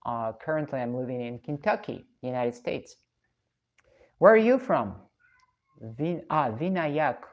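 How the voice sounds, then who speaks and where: A woman's voice: extremely low pitch, animated, measured pace, long pauses, lo-fi sound. A woman from Russia, chatting casually on a live stream and reading out comments. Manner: chatty, reflective, laughs often.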